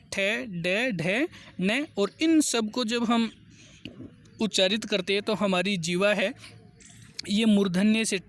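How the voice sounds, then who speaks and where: Teacher going thru exam questions, says every answer twice, steady middle pitch. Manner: methodical, repeats each answer twice; reads question numbers in English. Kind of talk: exam-prep grammar lesson, question by question.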